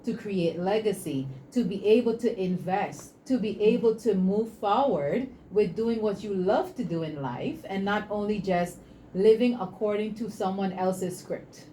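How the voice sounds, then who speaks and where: A woman's voice: medium pitch, a little slow, dark tone, a little hiss or hum, low-quality recording. A woman from Aruba and Saint Martin with a Caribbean accent, speaking as an interview guest in an emphatic, motivational, promotional way. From Caribbean, born on Aruba, raised mostly on Saint Martin. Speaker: guest, entrepreneur presenting an invention. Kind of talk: interview talk with a promotional pitch.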